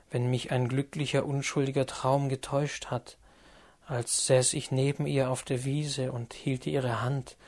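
A man reading a literary novel aloud in the first person, with an expressive, emotional delivery. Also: medium pitch. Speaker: audiobook reader. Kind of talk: scripted literary narration.

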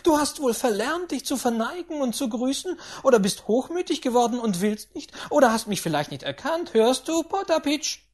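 A woman voicing a rich, imperious 75-year-old great-aunt who shouts orders and quarrels with everyone. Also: high-pitched, big pitch swings, moderate pace, hardly any pauses, voice pushed up. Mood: scolding. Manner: loud, commanding, quarrelsome.

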